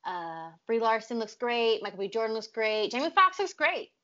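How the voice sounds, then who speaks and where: A woman's voice: fairly high pitch, sing-song, moderate pace, sharp tone. Woman host chatting about movie trailers, dry wry humor, kinda muffled lo-fi audio. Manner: wry, self-described pessimist. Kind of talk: casual trailer-reaction chat.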